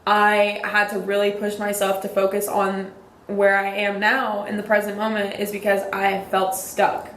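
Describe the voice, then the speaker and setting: A woman's voice: mid-range voice, completely flat delivery, normal speed, fairly bright tone, reverberant. A young woman, hosting a podcast in a casual, rambling chat full of "like". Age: young adult. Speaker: podcast host.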